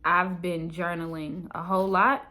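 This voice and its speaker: An American woman vlogging casually, talking in a candid, expressive, slangy way and reading from her own journal. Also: fairly low pitch, measured pace.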